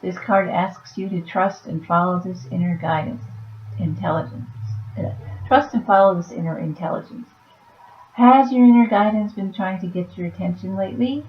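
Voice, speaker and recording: Woman reading oracle cards w a weak tired voice, soft-spoken offhand asides, echoey room. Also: medium pitch, moderate pace, a little hiss or hum. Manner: soft-spoken, reads then comments offhand. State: weak, fading voice. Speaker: oracle card reader. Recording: roomy, dull lo-fi sound.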